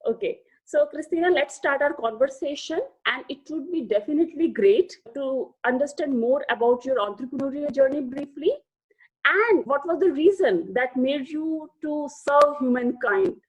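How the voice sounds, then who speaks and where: A woman's voice: high voice, expressive, normal speed, poor audio. A woman hosting an interview over a video call, reading a formal introduction and asking long questions. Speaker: interview host.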